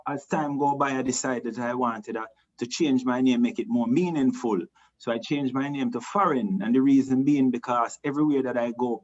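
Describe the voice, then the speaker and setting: A Jamaican reggae singer with a Jamaican accent answers interview questions in a relaxed, meandering way, restarting often and saying "you know" a lot. His voice is mid-range, and the casual interview recording sounds muffled.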